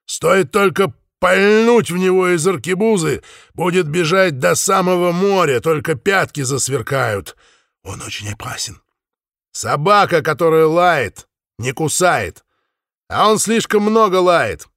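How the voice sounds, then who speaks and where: A man's voice: high voice, expressive, unhurried, creaky, a bit bright, dry recording, clean studio sound, voice pushed up, heavily acted. A man voicing a bold Spanish adventurer who talks in a brash, scoffing way.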